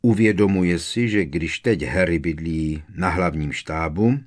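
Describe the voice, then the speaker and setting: A man reading aloud, voicing a calm, deliberate middle-aged husband who speaks slowly and evenly. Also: deep voice. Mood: measured. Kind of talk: audiobook character voice.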